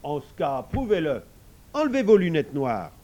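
A man's voice: on the high side, huge pitch swings, normal speed, dark tone, lo-fi sound, voice pushed up. A man reading a storybook and voicing a hot-tempered, scolding father who runs a bar. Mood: wary. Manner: exasperated, scolding.

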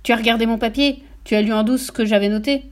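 A woman's voice: mid-range voice, fast talker, a little mellow, lightly acted. A woman voicing a smug, bullying middle-aged father in an audiobook, bragging and barking. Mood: shouting, angry. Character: boastful, bullying middle-aged father, used-car dealer.

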